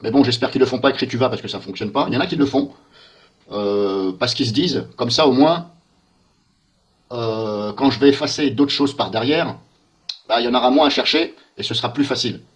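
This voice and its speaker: A man talks through a software walkthrough while recording his screen. He thinks aloud and mutters in puzzlement as he clicks through the menus. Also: medium pitch, fairly quick. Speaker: software tester.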